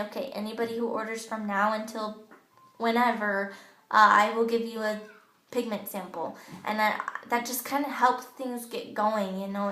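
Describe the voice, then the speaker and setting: Filmed on an old smartphone in her echoey home bathroom, a makeup team leader in direct sales chats casually through a training talk for her team, saying um and you know a lot. Her childish-sounding voice is a little high and a bit bright.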